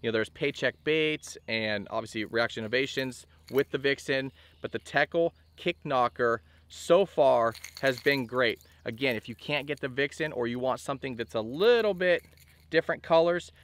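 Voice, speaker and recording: A man in his thirties giving a relaxed, chatty fishing gear review to camera outdoors by a lake, with a lot of fillers. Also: mid-range voice, normal speed. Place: outdoors on a bass boat by a lake.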